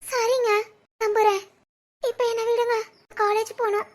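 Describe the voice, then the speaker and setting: A woman voicing a young wife and college student in an animated family drama, speaking with a Tirunelveli Tamil accent, soft and pleading. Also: very high-pitched, measured pace. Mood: tearful. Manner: pleading, tearful, soft-spoken.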